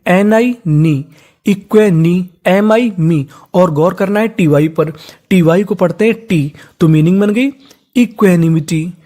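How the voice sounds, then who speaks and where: A teacher giving a spelling lesson who spells each word letter by letter, blends it slowly, and asks and answers their own questions. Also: medium pitch, dark tone. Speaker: English teacher. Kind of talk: spelling lesson, sounding out words.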